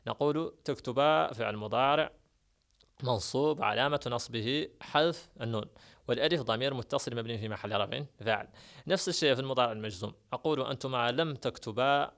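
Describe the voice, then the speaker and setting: Fast-talking man teaching grammar. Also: medium pitch, fairly bright tone. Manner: explains step by step, repeats rules and examples. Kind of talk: classroom grammar lesson.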